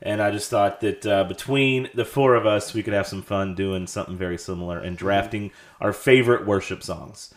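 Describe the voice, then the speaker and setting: A man's voice: lowish voice, normal speed, few pauses. Echoing, roomy male podcast host. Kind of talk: casual group podcast chat. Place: echoey indoor room. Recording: echoey, roomy sound.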